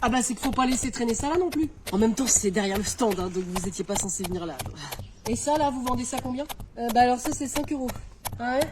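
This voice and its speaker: Brief: high-pitched woman, chatty comedic sketch delivery, faint noise behind. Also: animated, fast talker. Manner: chatty, haggling back and forth.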